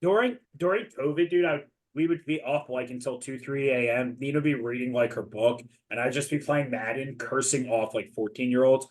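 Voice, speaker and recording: A man's voice: medium pitch, fairly quick, few pauses. A man co-hosting a casual podcast, telling rambling stories with lots of laughing and swearing. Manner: rambling, animated storyteller, swears and laughs a lot. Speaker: podcast co-host.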